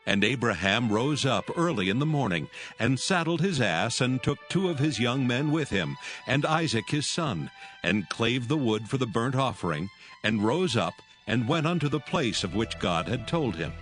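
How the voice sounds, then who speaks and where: A man narrates scripture as a scripted reading, very animated at a moderate pace. His mid-range voice has a fairly bright tone, with soft music in the background.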